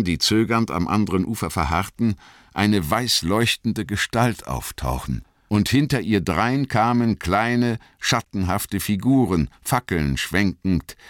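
A man narrates an adventure story in a very deep voice that rises and falls dramatically. He reads slowly and deliberately, with a dry, close recording. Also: dry recording. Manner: dramatic, expressive reading. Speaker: audiobook narrator. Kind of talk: scripted narration.

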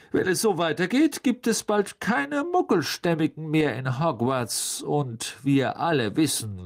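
A spiteful, sneering aristocratic wizard, as a male audiobook reader plays him, speaking in a raised, lofty voice. He drawls slowly and condescendingly, with a lively, swooping pitch and a creaky edge. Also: full character voice. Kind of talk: audiobook reading.

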